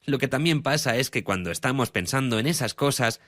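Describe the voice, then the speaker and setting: A man speaking as a guest expert in a dubbed interview, calmly explaining and repeating each saying slowly. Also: mid-range voice, dry recording, clean studio sound.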